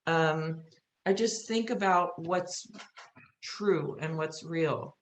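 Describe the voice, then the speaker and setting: A theatre creator appears as a podcast guest, chatting casually and reflectively in a low, slow voice. She's earnest and circles back over phrases for emphasis. The recording has a roomy echo and faint hiss.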